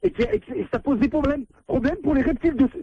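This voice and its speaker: A man's voice: extremely high pitch, lively intonation, racing, no room sound. A man who is being pranked, angrily ordering the caller out and repeating himself. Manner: angry, insistent, repeating himself. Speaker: prank call victim, landlord. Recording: muffled dry phone line.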